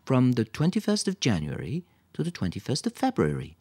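Man putting on a bright teenage English girl. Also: mid-range voice, wildly swooping pitch, normal speed, slightly rough, no room sound, pitched above the performer's own voice. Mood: friendly. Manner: bright, confident, commanding with dogs. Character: cheerful English teenage girl, dog owner. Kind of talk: audiobook reading.

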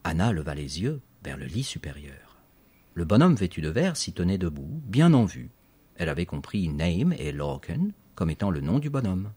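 Very deep husky male narrator. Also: moderate pace. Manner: expressive storytelling, lively emphasis. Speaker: audiobook narrator. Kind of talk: scripted story narration.

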